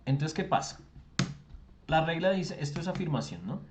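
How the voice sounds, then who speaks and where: A man's voice: fairly high pitch, expressive, moderate pace, background noise. A man, teaching an online class and explaining with lots of rhetorical questions. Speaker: English tutor. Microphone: video call.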